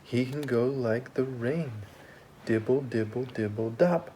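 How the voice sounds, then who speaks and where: A man reads a picture book to a toddler at a slow pace. His delivery is sing-song and playful, full of sound effects and gaps for a small child to echo. The home recording is clearly noisy, with clicks. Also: mid-range voice. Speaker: parent reading to a young child.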